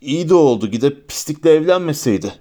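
A man reading an audiobook, voicing a drunken, filthy, hostile wizard with a low, slurred snarl. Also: lively intonation, quick pace, warm tone, close to an everyday voice. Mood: angry. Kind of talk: audiobook character voice.

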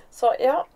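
A woman on a podcast chatting casually, retelling little stories with quoted dialogue and laughing often. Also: warm tone. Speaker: co-host who tells of death and spirits.

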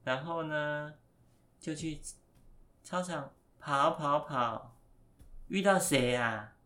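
A father telling a story to his young child, asking gentle, patient questions along the way. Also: a little high, slow pace.

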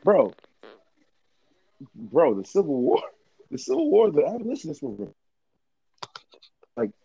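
A man's voice: a little high, huge pitch swings, measured pace, creaky, dark tone, husky, no echo. A man calling in to a casual podcast debate, talking bluntly while his phone connection keeps breaking up. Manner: blunt, profane, emphatic. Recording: dull lo-fi remote call audio.

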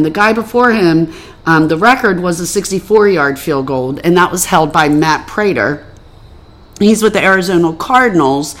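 A woman co-hosting a podcast in casual chat, chatty and self-mocking. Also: fairly low pitch. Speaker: podcast co-host.

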